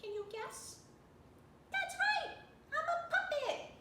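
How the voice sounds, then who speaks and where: A woman voicing an excitable little girl puppet, greeting children in an overbright, gushing kids' party host manner. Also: very high-pitched, slow pace, pitched above the performer's own voice, exaggerated voice. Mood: bubbly, excited. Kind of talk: puppet show for preschool children. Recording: roomy, distant mic, faint noise.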